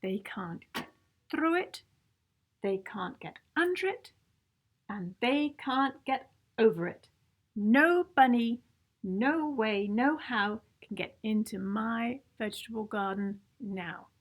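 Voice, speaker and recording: A woman plays a stubborn, grumbling man who tends his garden in a children's storybook. He declares things slowly and emphatically, very pleased with himself and full of boasts. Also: fairly high pitch, animated. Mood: boastful. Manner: emphatic, self-satisfied declarations.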